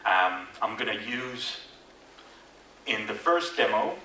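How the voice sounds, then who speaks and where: Speaking slowly in a lowish voice that is animated, pushed and bright, a conference speaker from Finland presents in a large hall. His Finnish accent shows Irish influence, and his casual, self-deprecating talk is full of fillers and restarts, with the distant mic catching echo and faint noise.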